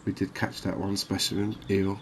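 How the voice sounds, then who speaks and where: Soft-spoken and calm, this gaming video host walks through gameplay ASMR-style in a deep, very flat voice. His phrasing is long and slow, never rushed, and a faint ambient hum sits under his speech.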